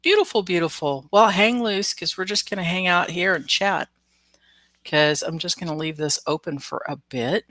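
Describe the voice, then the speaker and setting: Hosting a live stream of oracle card readings, a woman chats with viewers, greets them by name and laughs frequently. Her fairly low, slightly bright voice is nasal and congested from the flu, in a dry recording.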